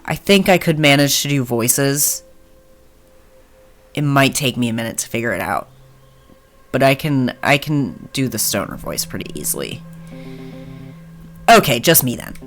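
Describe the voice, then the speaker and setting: A man's voice: mid-range voice, animated, moderate pace, long pauses, fairly bright tone, faint music behind. A man chatting casually on a live stream, hesitant and self-deprecating as he reads a game aloud.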